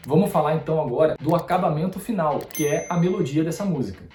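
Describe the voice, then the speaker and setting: A man with a slightly high voice walks through the lesson methodically, explaining each point in turn. His voice carries a noticeable room echo around it. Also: quick pace, darkish tone. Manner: didactic, methodical, explaining step by step. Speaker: host. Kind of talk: explanatory music-analysis narration. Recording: roomy echo.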